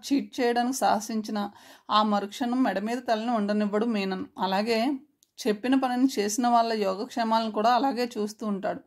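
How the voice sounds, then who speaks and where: A woman storyteller narrating a crime story in a steady, even reading voice. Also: on the high side.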